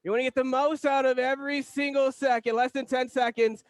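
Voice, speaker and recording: Male aerobics instructor, very high register, driving and motivational cueing, dry sound. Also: brisk, smooth, no room sound. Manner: energetic, motivational aerobics instructor calling out cues and countdowns. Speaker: aerobics instructor leading a workout class. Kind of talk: fitness class coaching, counted cues.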